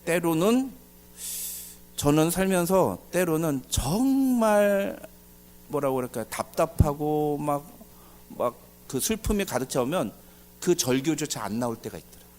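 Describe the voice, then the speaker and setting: A man preaching a sermon as pastor, animated and questioning the congregation, with loud dramatic outbursts. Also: fairly high pitch, measured pace. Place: church service.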